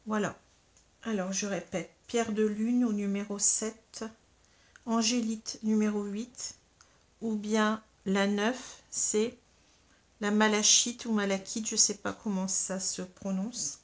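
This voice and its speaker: Woman doing a tarot reading for viewers, calm and soft, lots of ums and restarts. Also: mid-range voice, slow pace. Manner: hesitant, with frequent fillers and restarts. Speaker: tarot card reader. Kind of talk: guided card reading to viewers.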